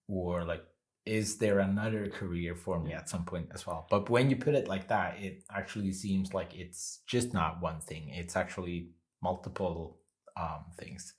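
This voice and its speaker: A man from Finland who is a guest on an interview podcast, talking slowly and thoughtfully in casual conversation. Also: low-pitched. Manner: slow, reflective, with fillers. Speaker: guest, designer. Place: home, in Sweden.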